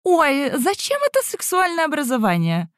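A woman's voice: high-pitched, sing-song, moderate pace, dry recording, clean studio sound, voice pushed up. A woman voicing a cheerful, breezy older female schoolteacher who laughs off the question. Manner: bright, laughing, carefree.

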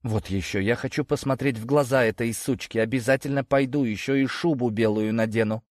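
A man's voice: mid-range voice, fairly quick, darkish tone, no echo, studio quality, close to an everyday voice. A man reading an audiobook, voicing a blunt, vengeful young woman. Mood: defiant.

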